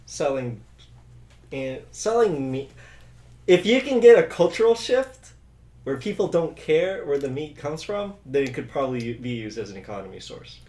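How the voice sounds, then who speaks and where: A young man with a fairly high, lively voice co-hosts a casual podcast. He talks hesitantly, drops puns, and sounds echoey. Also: moderate pace. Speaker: podcast co-host. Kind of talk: casual chat.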